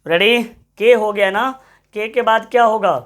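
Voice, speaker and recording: A man's voice: sits high, a little slow, a bit bright. A male English teacher, lecturing an online class. He repeats words over and over and urges his students on, calling them his friends. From Bihar, India. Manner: addresses students as friends, gives pep talks.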